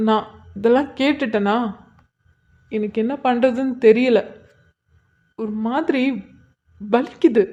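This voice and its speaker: A woman's voice: a little high, a little mellow, highs cut off, close to an everyday voice. A woman voicing a grieving, hurt young husband in an emotional cartoon drama. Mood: heartbroken. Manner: emotional, tearful. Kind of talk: cartoon voice acting.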